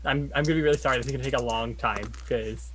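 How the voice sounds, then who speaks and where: A man's voice: mid-range voice, racing, a bit bright, a little hiss or hum, rough recording. A man chatting casually as a player in a tabletop game, often counting up his dice aloud.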